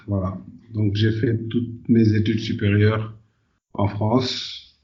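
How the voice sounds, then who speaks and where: A Senegalese entrepreneur, a guest on a podcast, answers conversationally in a fairly low voice, often repeating words while he searches for the right phrasing. The audio sounds dull.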